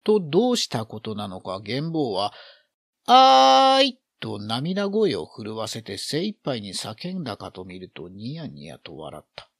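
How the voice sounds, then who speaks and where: A man's voice: lowish voice, sing-song, measured pace, few pauses, breathy edge, no room sound, clean studio sound. A man reading a literary story aloud, expressively acting out the feelings in the narration.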